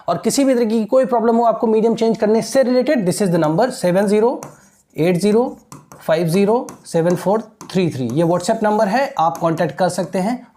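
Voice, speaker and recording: A woman giving an exam-prep lesson in a mellow, warm voice. She reads English phrases slowly, then explains them at a quicker pace. She keeps asking rhetorical questions and checking that her listeners follow. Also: mid-range voice. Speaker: teacher.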